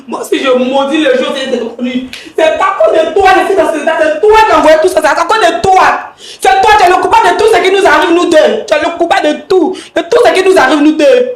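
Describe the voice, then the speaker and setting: High-voiced woman accusing insistently. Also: quick pace, few pauses, reverberant, a little hiss or hum. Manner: accusing, repeats her questions insistently. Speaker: wife confronting her husband on a mediation show. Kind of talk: heated confrontation.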